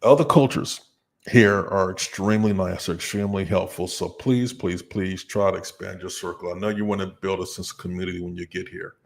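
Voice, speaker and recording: An American man hosting a live Q&A from home, chatting in a relaxed way, laughing often and spelling out names. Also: deep voice, a little fast, slight background noise. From United States. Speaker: host answering viewer questions. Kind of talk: live Q&A chat. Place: home, near a window in a high-rise.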